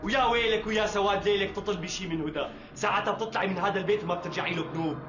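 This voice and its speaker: An actor playing a quick-tempered young Damascene husband who scolds and commands his wives in a period TV drama, with a Damascene Syrian accent. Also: high voice, dull audio, over music, natural voice. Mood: angry. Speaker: husband, head of household.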